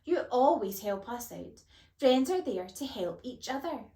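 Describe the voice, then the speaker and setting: A woman's voice: a little high, sing-song, measured pace, mellow. A woman voicing a young grim reaper boy. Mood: eager. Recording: roomy echo.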